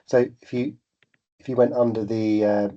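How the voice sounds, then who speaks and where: Male meeting presenter with a heavy cold: muffled, congested and dark-toned, hesitant delivery, flat intonation, lo-fi sound. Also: fairly low pitch, moderate pace. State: has a bad cold. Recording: dull, lo-fi meeting audio.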